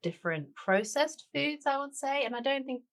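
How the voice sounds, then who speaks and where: A woman's voice: high voice, lively intonation, moderate pace. A woman in her forties, raised in Tanzania, chatting easily as a guest chef in an interview. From grew up in Tanzania, born in Denmark. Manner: chatty, with many "sort of" and "you know". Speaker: guest chef and cookbook author. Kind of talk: relaxed conversational interview.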